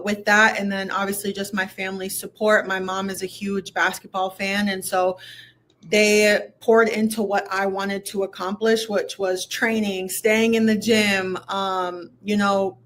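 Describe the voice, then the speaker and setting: A woman's voice: medium pitch, fairly bright tone, slight background noise. A young woman from Minnesota, a guest talking women's basketball in a casual interview, with lots of "um" and "like". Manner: chatty, many fillers like "um" and "like".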